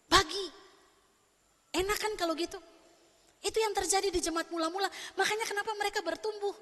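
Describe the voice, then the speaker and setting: A woman pastor preaching a lively, fast-talking sermon and acting out bits of everyday conversation with her congregation. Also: very high voice. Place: church sanctuary. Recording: long church hall reverb.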